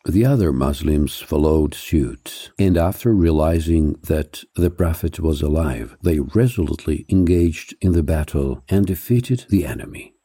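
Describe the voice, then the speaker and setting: A man narrates a scripted history in a steady, measured read that slows down to weigh each item of a list. His voice sits low and sounds very dark and mellow. It is recorded dry and close, with no room sound. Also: husky, dry recording. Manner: measured, even reading with slowed, stressed lists.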